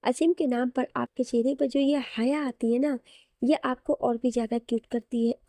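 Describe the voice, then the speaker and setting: A woman voicing a warm, joking young man who speaks respectfully to his sister-in-law. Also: very high-pitched, fairly even intonation, normal speed, no echo, clean studio sound. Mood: affectionate. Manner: affectionate, joking.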